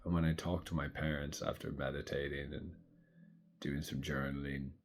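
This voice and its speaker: Very deep-voiced reflective man. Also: level tone. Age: 30s. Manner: slow, thoughtful, soft-spoken. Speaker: vlogger. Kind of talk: reflective personal monologue.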